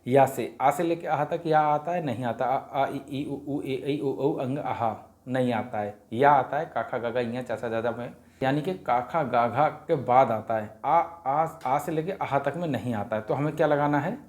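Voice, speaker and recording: A man walks through a grammar worksheet, chanting vowel sounds in a sing-song drill. He keeps posing questions and answering them himself, in a middle-pitched voice. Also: measured pace, darkish tone. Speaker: teacher explaining a worksheet. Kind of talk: Hindi grammar lesson for parents.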